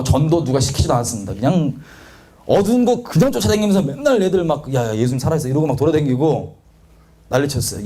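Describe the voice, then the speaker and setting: A young man preaching a sermon, telling his own story in a confessional, animated way and acting out quotes. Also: a little high.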